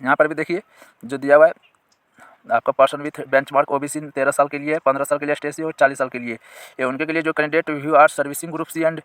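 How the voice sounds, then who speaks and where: A man with a fairly high voice takes his viewers through a government job notice clause by clause. He reads each line out at a crawl and then explains it again in simple words. The recording is close and dry, with no room sound. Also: a bit bright, no echo. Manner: asks viewers questions and points them to sections on screen. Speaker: exam-prep teacher.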